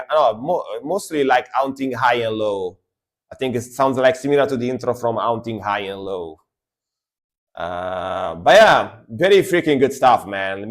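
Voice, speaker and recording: Rambling man reacting to music. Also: medium pitch. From Italy. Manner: enthusiastic, rambling, jokey. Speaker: streamer reacting to metal music. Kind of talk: casual reaction commentary.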